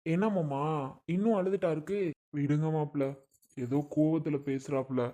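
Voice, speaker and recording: A man plays a devoted father in a home-made family drama, his voice a little high. He speaks earnestly and emotionally on his daughter's behalf. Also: moderate pace, dark tone, lightly acted. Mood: pleading. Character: protective older father of a grown daughter.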